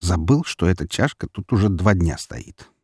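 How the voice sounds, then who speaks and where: A man narrating an audiobook in a measured, even reading. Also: low voice, slightly rough, dry recording, clean studio sound. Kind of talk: scripted narration.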